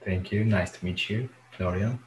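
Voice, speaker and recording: A man's voice: low voice, moderate pace, a little mellow, echoey room, a little hiss or hum, poor audio. A man hosting an informal group discussion, moderating and greeting participants.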